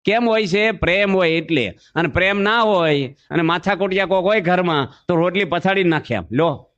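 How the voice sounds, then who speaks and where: A man's voice: high-pitched, moderate pace, fairly bright tone. A man giving a folksy sermon, telling stories, acting out voices and asking the audience questions. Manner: storytelling, asks the audience questions, acts out voices. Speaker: monk preacher. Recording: dull lo-fi recording.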